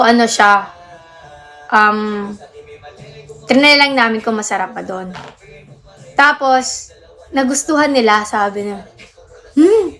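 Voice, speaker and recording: High-voiced young woman chatting on a livestream. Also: a bit bright. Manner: chatty, reads and answers viewer comments, thanks gifters. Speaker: livestream host. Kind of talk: casual livestream chat.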